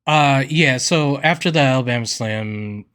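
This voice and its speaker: A man's voice: medium pitch, a little slow, a bit bright, clean tone. A man co-hosting a wrestling podcast, talking casually in a rambling, hesitant way. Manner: rambling, hesitant, many fillers and restarts. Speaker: podcast co-host.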